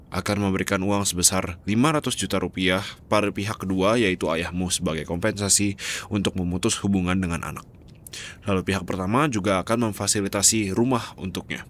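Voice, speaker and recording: A man plays a tender, lovestruck male doctor in a soft ASMR role-play, speaking. His voice is low and his delivery hesitant and reassuring, as if comforting someone close. A faint rumbling noise sits in the recording. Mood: earnest, teasing. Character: gentle doctor, wealthy man in love, comforting a crying woman.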